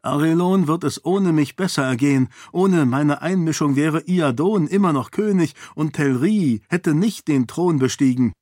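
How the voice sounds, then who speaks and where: A male audiobook narrator voicing an earnest, urgent young prince, somewhat higher than his usual voice. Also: moderate pace, hardly any pauses, darkish tone, no room sound, clean studio sound, natural voice. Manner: urgent, forced gruffness at times. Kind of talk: audiobook character voice.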